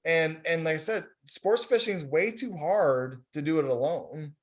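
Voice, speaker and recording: A man's voice: fairly high pitch, normal speed. A man leading a focus group discussion, talking casually and rambling with many fillers over a video call. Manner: rambling, heavy on fillers like "you know".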